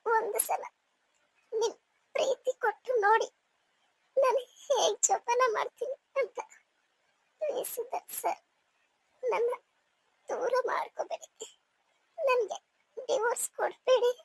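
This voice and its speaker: A woman's voice: extremely high pitch, a little slow, creaky, pauses often, no echo, exaggerated voice, poor audio. A woman voicing a weak young wife in a cartoon, crying and speaking in broken phrases. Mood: tearful. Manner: faint, broken speech. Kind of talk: cartoon voice acting.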